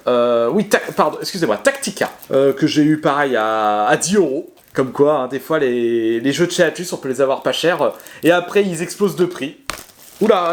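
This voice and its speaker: A man casually showing his video game collection to his viewers, chatty and hesitant, with many fillers, restarts and self-mocking laughs. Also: on the high side. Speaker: gaming video creator. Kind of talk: casual talk to camera.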